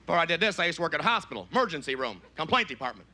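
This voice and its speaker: A man doing a stand-up comedy routine, jumping into loud high-pitched voices when he quotes people. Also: very animated, very fast, a little hiss or hum. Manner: shouts high falsetto quotes of other people.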